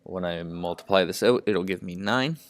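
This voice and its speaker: A man with a low, deep voice tutors math, working problems out loud step by step. He leans on "okay" as a constant verbal tic. The sound is close and dry, with no room around it. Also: normal speed, no echo. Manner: says "okay" constantly, thinks aloud step by step. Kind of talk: lesson narration while writing.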